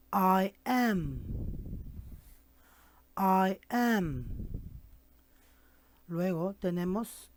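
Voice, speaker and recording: A woman teaching an English lesson in Spanish, speaking slowly and patiently, repeating phrases for students to copy and often checking they follow. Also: medium pitch, dry recording. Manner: checks understanding with frequent tag questions. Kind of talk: classroom language lesson.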